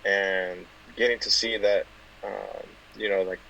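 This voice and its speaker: A young man from California, a guest football player, talking softly in a casual interview with lots of fillers. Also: lowish voice, flat delivery, a little slow, gravelly, dull audio, slight background noise. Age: 20s. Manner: soft-spoken, many fillers and restarts.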